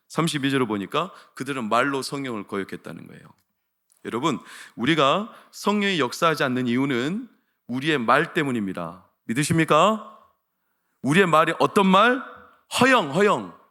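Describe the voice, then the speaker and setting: A man, a senior pastor, preaching a sermon at a night prayer meeting, firing rhetorical questions at the congregation and building to shouted emphasis. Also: mid-range voice, sing-song, a little fast.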